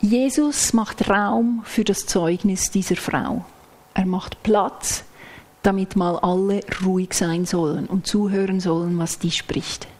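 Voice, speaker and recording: A woman preaching a sermon in a measured, explanatory way, working through a Bible passage phrase by phrase. Now and then she sinks into soft, almost whispered asides. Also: medium pitch, steady tone. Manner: explains text closely, acts out quoted lines.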